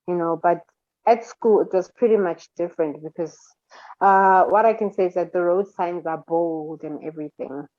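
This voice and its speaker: A woman's voice: low voice, no echo. A woman in her thirties from South Africa, a cheerful interview guest who laughs often. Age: 30s. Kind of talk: interview over a call. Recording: slightly dull sound.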